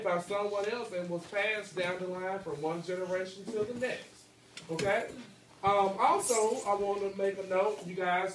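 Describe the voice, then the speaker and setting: High-pitched and in his thirties, a man reads aloud to his class as their teacher, frequently pausing to check comprehension and tagging phrases with "okay." It's a read-aloud with questions to pupils, indoors in a school classroom, recorded on a phone by someone across the room, so it sounds distant, echoey and noisy.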